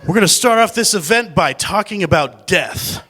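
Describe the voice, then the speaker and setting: A man giving a storytelling speech at a competition, dramatic and swinging between loud declarations and hushed asides. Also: sits high, expressive, moderate pace. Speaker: public speaker.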